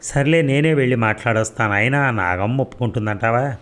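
A man's voice: medium pitch, fairly quick, a bit bright, close to an everyday voice. A man voicing an anxious, caring old grandmother in an audio story, asking question after question. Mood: resolved.

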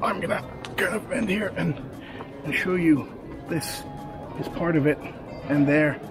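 A man in his thirties, his voice a little high and his pace measured, narrates a travel vlog outdoors among desert ruins and a rock canyon. He addresses a handheld camera at arm's length in a casual, chatty, hesitant way with many fillers, while music plays over the recording.

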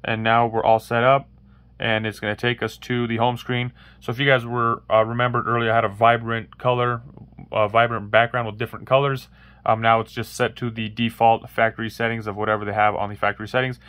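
The recording is dry. A man with a medium-pitched, level, fairly bright voice talks fairly quickly as he hosts a laid-back phone tutorial, voicing over a hands-only demo at an indoor wooden table. He rambles, stumbling through fillers and restarts.

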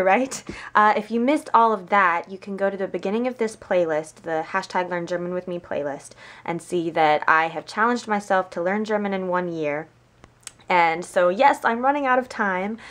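A young woman in a casual language-learning vlog, cheerful and self-deprecating, repeating each word slowly. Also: medium pitch.

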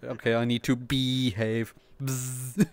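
Speaking in a flat, mid-range voice, a man chats casually while streaming in a virtual world. His livestream banter is teasing and giggly, and he's quick to break into laughter.

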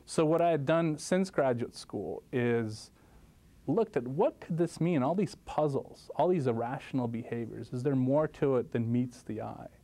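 A man in his thirties from Lithuania, answering interview questions in a studio with animated storytelling and lively jumps in pitch. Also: moderate pace. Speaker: guest professor. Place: studio set, seated. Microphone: lapel mic.

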